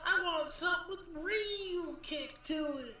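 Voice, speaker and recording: A ancient American old prospector, high and piercing, in a game. He drawls in a cranky, folksy, cackling way, taking his time, in a very echoey space. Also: unhurried, pushed and bright, distant mic, exaggerated voice. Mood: cantankerous.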